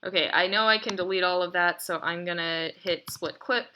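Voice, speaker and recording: A woman's voice: on the low side, steady tone, normal speed, pushed and bright, slight background noise. A woman walks through editing her voice recordings step by step, explaining each click and rereading sentences she wants to fix. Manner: explains each step aloud, then reads test takes. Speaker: audio editing tutor. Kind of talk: screen-recorded software tutorial. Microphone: desk mic, then a quieter built-in mic.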